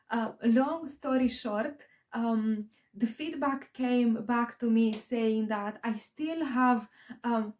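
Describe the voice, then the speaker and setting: This aspiring novelist from Romania, in her thirties, chats casually on her personal vlog about her writing journey in accented second-language English. Her fairly high, slightly mellow voice rambles along, full of fillers and restarts.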